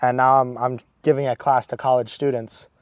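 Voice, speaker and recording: A man's voice: medium pitch, little pitch movement, moderate pace, no room sound. A man in his twenties from Maryland, a seminarian earnestly telling a story with many restarts. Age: 20s. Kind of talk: casual storytelling.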